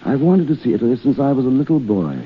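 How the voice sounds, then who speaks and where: A man's voice: medium pitch, sing-song, quick pace, a little hiss or hum, natural voice. An actor playing a modest, ordinary working man in love, in 1930s radio acting style. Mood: drowsy, dry. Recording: tinny 1930s radio recording, music behind.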